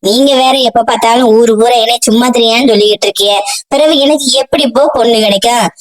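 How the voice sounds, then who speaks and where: A woman's voice: on the high side, steady tone, close to an everyday voice. A woman voicing a cheeky, lazy young male chilli in a cartoon. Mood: whining. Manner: whiny, complaining, fast.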